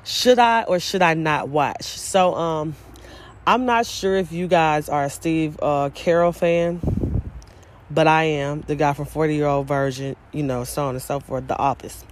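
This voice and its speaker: A woman's voice: sits low, steady tone, unhurried, rough recording. A woman vlogging in casual chat, rambling and opinionated, with plenty of swearing and filler words. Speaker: vlogger and small business owner.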